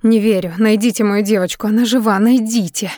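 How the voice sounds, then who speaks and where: A woman's voice: mid-range voice, brisk, no room sound, clean studio sound, close to an everyday voice. A woman reading the part of a young mother who has just lost her baby, desperate and furious in turn. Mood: frantic. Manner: desperate, pleading, then furious.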